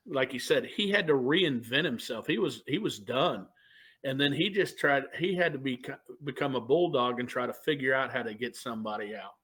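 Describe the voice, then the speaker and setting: Panel guest, man from Missouri, mid-pitched, emphatic and methodical. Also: a bit bright. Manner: emphatic, building a case point by point. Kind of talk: casual panel discussion.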